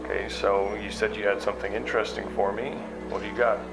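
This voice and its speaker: In a sci-fi audio drama, a man serves as narrator and lead, playing a wary, skeptical investigator who broadcasts in secret. His fairly low, creaky voice barely shifts in pitch, and his halting, understated, conversational lines sound skeptical and probing. The recording is rough, with prominent background music, mixing confessional narration and dialogue.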